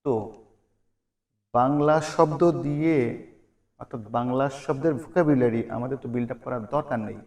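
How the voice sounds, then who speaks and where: A man's voice: mid-range voice, steady tone, moderate pace, long pauses, a little mellow. A man teaching a vocabulary lesson. He repeats each word and its meaning as a drill, and he asks questions and then answers them. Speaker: English teacher.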